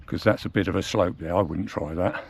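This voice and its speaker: A man, a motorcycle vlogger, talking casually to camera outdoors on a high mountain trail, thinking aloud in a chatty, plain-spoken way. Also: steady tone, brisk, gravelly, husky, dry recording. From England. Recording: noisy outdoor recording.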